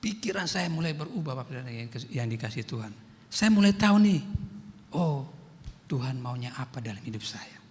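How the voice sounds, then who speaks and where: A middle-aged male pastor, telling his testimony in a sermon, swinging between loud and soft. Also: mid-range voice, lively intonation, fairly quick. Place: church hall. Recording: church hall with long reverb.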